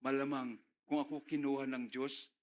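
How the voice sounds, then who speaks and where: A man's voice: mid-range voice, level tone, normal speed. A middle-aged man with a Filipino accent, preaching a sermon and mixing Tagalog and English, with call-and-response asides to the congregation. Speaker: pastor.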